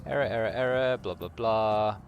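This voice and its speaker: A man voicing a malfunctioning robotic security computer in a stiff, loud, mechanical voice. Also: on the low side, normal speed, muffled recording, faint music behind, natural voice. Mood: mocking robotic. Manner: reads machine text in a stiff, raised, loud robotic voice. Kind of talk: streamer reading game lines in a put-on voice.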